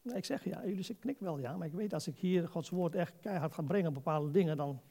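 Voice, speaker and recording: Guy preaching a casual sermon, bit high pitched w lots of fry, keeps asking the congregation questions. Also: fast, warm tone. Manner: exhorting, puts rhetorical questions to listeners. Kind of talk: informal, conversational sermon.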